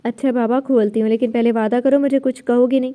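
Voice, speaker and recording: A woman's voice: fairly high pitch, steady tone, warm tone, lightly acted. A woman voicing a stubborn young wife who talks back defiantly, in a storybook reading.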